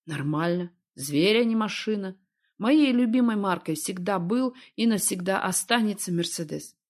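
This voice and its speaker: A woman reading an audiobook, voicing a calm, evasive man who talks in an unhurried, teasing way. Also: mid-range voice, close to an everyday voice. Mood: calm, coaxing. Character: calm, evasive middle-aged man, smooth talker.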